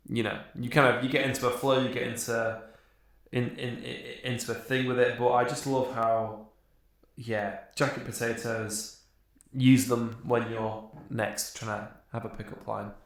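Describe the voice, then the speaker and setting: A man's voice: mid-range voice, creaky, fairly bright tone. A young man co-hosting a podcast. He rambles through a story, swears casually and laughs often. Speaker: podcast co-host. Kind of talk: casual chat. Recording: very echoey room.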